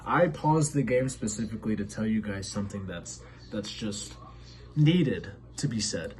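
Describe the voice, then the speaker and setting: A man's voice: on the low side, expressive, normal speed, darkish tone. Guy doing a showy casual wrestling promo, bragging, slight noise behind. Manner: showy, boastful. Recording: faint background noise.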